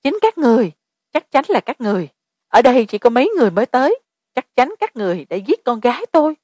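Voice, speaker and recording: A woman voicing a grieving mother who wails and sobs in shrill cries. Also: lively intonation, normal speed, a little mellow, dry recording, clean studio sound, close to an everyday voice. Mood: accusing. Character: grieving mother, wailing and accusing.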